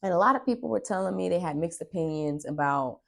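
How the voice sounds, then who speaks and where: A woman's voice: lowish voice, animated, quick pace, creaky, fairly bright tone. A young woman vlogger telling a story casually, chatty, and replaying conversations as she goes. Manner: chatty, retells dialogue with "I was like".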